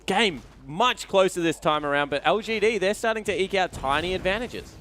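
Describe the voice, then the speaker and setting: A man's voice: sits high, animated, moderate pace, fairly bright tone. A man giving live color commentary on an esports match, explaining items and trades. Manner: analytical, explains builds and trades.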